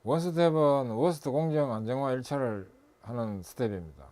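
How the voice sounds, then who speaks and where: A man's voice: medium pitch, normal speed, mellow. A middle-aged man lecturing as an instructor and consultant, listing steps methodically and correcting himself as he goes.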